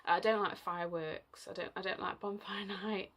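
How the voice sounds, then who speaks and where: A woman's voice: medium pitch, fairly even intonation, moderate pace, fairly bright tone. A young woman telling a personal story in a rambling, chatty way, full of fillers and at times close to tears. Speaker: vlogger.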